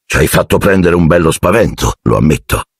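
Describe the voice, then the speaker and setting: A man's voice: extremely low pitch, animated, fairly quick, breathy edge, dry recording, clean studio sound, full character voice. A man voicing a fussy, jovial middle-aged minister who talks to a boy in a genial, patronizing and evasive way.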